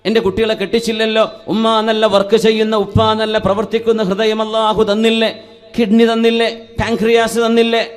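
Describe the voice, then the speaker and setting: A male preacher giving an Islamic sermon. He chants Arabic verses in a singing style and asks the listeners one rhetorical question after another. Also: high-pitched.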